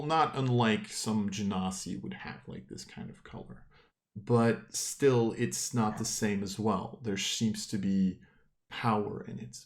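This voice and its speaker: A man improvising descriptive, conversational narration as the game master of a tabletop role-playing game. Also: on the low side.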